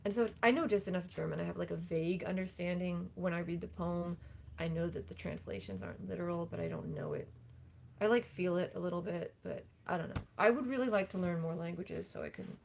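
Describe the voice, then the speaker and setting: A woman's voice: fairly low pitch, vocal fry, slight background noise. A young woman chatting casually on a livestream in a rambling, self-deprecating way. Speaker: livestream host, singer-songwriter.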